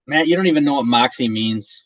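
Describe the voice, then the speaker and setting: A man's voice: mid-range voice, highs cut off. Chatty man hosting a casual livestream. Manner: chatty, rambling with many restarts. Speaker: livestream host. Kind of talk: casual chat.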